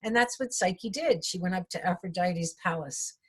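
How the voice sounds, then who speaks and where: Woman storyteller, myth told aloud with reflective asides, breathy and a little low. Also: moderate pace.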